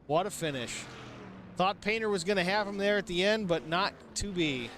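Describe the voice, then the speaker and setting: Upbeat, slightly high male race commentator. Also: moderate pace, a little hiss or hum. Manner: energetic, excitable play-by-play. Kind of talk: sim racing broadcast commentary.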